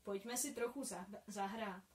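A friendly young man with a worldly, teasing air, read by a woman in her own voice. He speaks calmly and kindly to two boys, in a storybook read aloud. The voice stays at an everyday middle pitch. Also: echoey room, close to an everyday voice.

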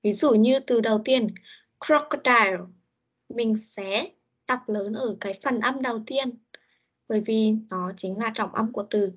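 Husky-voiced woman teaching online. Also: a little high, moderate pace. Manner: mixes Vietnamese and simple English, hesitant fillers. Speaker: English teacher. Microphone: computer mic on a video call.

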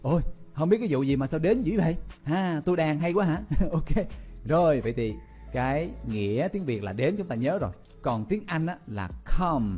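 A man's voice: medium pitch, a little mellow. A man teaching vocabulary in a playful, exclaiming way, often repeating each word. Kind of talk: memory-palace vocabulary lesson.

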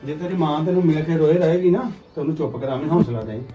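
A man acting as a middle-aged father in a family drama, soft and coaxing, with a slightly raised voice. He is miked from a distance in an echoing room. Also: on the high side, fast, over music, lightly acted. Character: gentle father soothing his wife and daughter. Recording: echoey room, distant mic.

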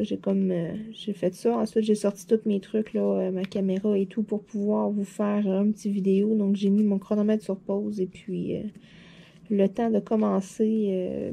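A woman with a Quebec French accent, chatting casually while crafting, a bit hoarse from a dry throat, rambling and laughing often. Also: mid-range voice, dark tone. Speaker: diamond painting vlogger.

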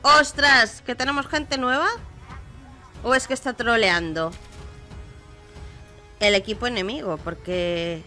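A young Spanish woman with a bright, sharp voice pitched a little high runs through patch notes and then reacts to her own match. She talks in a chatty, excitable way, piling up quick fillers. Light music plays underneath. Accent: Spain Spanish. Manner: chatty, excitable, many repeated fillers like vale. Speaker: gaming streamer. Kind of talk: patch notes review and live gameplay commentary.

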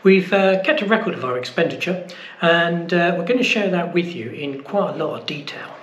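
Speaking fairly quickly at a fairly high pitch, a man who vlogs about building boats breaks down costs for the camera, easygoing and full of "uh" fillers. The recording sounds muffled, made in an echoey room with a faint background noise.

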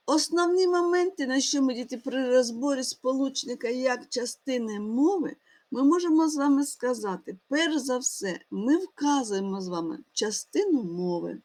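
A woman teaching a grammar lesson to schoolchildren, often calling them children and pausing on fillers and restarts. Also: high voice, lively intonation, darkish tone.

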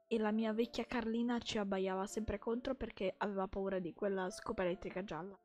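A woman's voice: mid-range voice, steady tone, a little fast, darkish tone. A young Italian woman streaming a game, chatting playfully with her chat and laughing often. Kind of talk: casual live gameplay chat.

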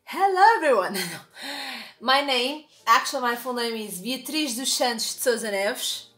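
Faint music plays as a young Portuguese vlogger talks informally to a camera a few feet away in her small, bright room indoors, stopping to restart often and using plenty of fillers in her Portuguese accent. Her voice is a little high, a little slow, expressive, bright and forceful, and it sounds reverberant.

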